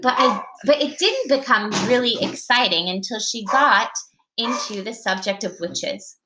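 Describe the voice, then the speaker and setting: A woman reading a storybook aloud to her child, with expressive narration. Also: on the high side, a little slow, reverberant, noisy background.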